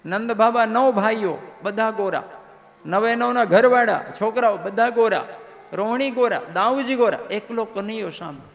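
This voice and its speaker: A man voicing teasing village milkmaids in a devotional story, hushed and mocking. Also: high voice, normal speed. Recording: hall reverb, faint music.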